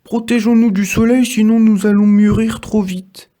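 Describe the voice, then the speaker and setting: A man's voice: sits high, moderate pace, pitched above the performer's own voice, natural voice. A man playing a giggly little apple girl. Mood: playful. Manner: excited, mocking.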